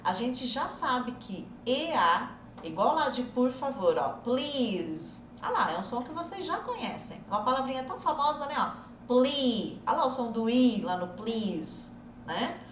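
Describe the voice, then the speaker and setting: A woman teaching English pronunciation online, coaxing and lively, repeating words slowly for learners to practice. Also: fairly high pitch, reverberant, a little hiss or hum.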